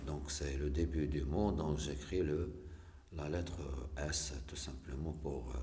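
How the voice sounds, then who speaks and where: A man with a Moroccan accent gives a primary school spelling lesson. His voice is very low, and he speaks slowly, repeating each example word. The sound is echoey, as if recorded in a bare room. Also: steady tone, mellow. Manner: explains slowly, repeats words, switches between French and Moroccan Arabic.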